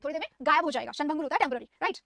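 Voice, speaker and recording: A woman teaching vocabulary in Hindi. She reads definitions slowly and keeps asking and answering her own questions. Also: high voice, fairly bright tone, dry recording, studio quality. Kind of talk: vocabulary lesson.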